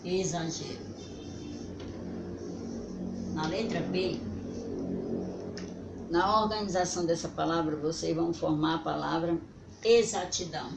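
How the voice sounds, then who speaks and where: A woman's voice: on the low side, steady tone, gravelly. A woman teaching young children, drawing out words syllable by syllable and checking in with short questions. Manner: drawn-out syllable-by-syllable pronunciation, frequent "certo?" and "né?" check-ins. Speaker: primary school teacher. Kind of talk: slow, deliberate spelling lesson for children. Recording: echoey room with background noise.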